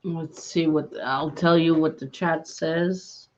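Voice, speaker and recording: A paranormal investigator hosts a live-stream ghost hunt chat, her low voice slow, calm and soothing. The stream audio sounds dull and lo-fi.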